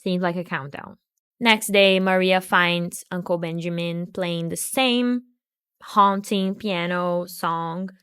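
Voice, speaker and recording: A woman's voice: fairly low pitch, fairly even intonation, slow, fairly bright tone, clear, resonant tone, no room sound, studio quality. A woman hosting a video, giving a casual recap of a film and book with joking asides and restarts. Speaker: video host.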